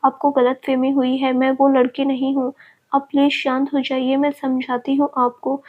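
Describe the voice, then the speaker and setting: Woman doing a teary young girl begging to be heard, high flat voice, kinda muffled. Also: moderate pace. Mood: pleading, tearful. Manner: pleading, insistent. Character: tearful young woman, pleading and desperate. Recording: dull lo-fi recording.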